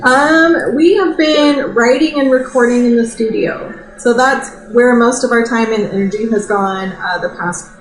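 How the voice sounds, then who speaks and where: A woman band member answering interview questions over a video call, light and giggly with halting starts. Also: fairly high pitch, a little hiss or hum. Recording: roomy video call audio.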